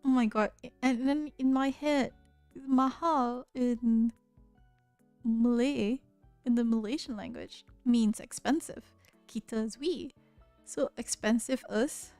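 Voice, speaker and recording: A woman hosts a livestream from a desk microphone, casually reading viewer messages and frequently stammering. Her voice is a little high and slightly mellow, the recording is dry, and faint music plays in the background.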